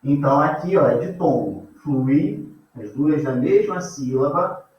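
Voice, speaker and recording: A man's voice: on the high side, expressive, moderate pace. A Brazilian man teaching a grammar class in a casual way, often checking in with his students. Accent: Brazilian Portuguese. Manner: casual, checks in with frequent "tá?" and "beleza?". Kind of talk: informal classroom lecture. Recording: echoey room, distant mic, dull sound.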